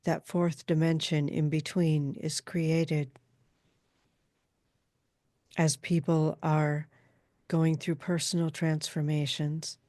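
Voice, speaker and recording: Woman channeling a slow, solemn spirit, seance-medium style. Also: deep voice, flat delivery, dark tone, no room sound, clean studio sound. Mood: solemn, measured. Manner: slow, measured, halting, formal pronouncements. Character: calm, solemn female channeled spirit named Alma.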